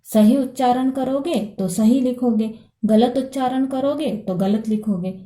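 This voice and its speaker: Woman teacher going slow, pretty high voice, echoey room, keeps checking students follow. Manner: slow, repeats "ठीक है" to check understanding; reads numbers aloud louder, with English equivalents. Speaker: Sanskrit teacher. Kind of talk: online class lesson.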